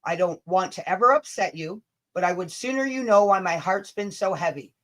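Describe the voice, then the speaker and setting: A Canadian woman hosting a livestream chats casually and dramatically reads emails aloud. Her voice is lowish, animated, brisk and fairly bright, and her delivery is blunt, sweary and sarcastic.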